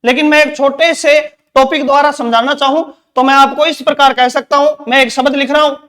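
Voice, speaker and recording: A man's voice: extremely high pitch, steady tone, fairly quick, sharp tone. A man teaching Hindi grammar in an exam-prep lecture, repeating points and quizzing with rhetorical questions.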